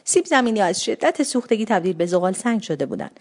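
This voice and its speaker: Animated woman reading a comic story. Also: mid-range voice. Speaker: narrator. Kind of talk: first-person story reading.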